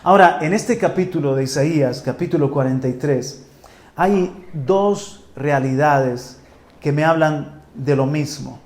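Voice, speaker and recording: Pastor from Spain, a man, high voice, animated sermon delivery with loud peaks, heard in a roomy church hall. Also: unhurried. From Spain, Murcia. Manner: animated preaching, builds to loud exclamations.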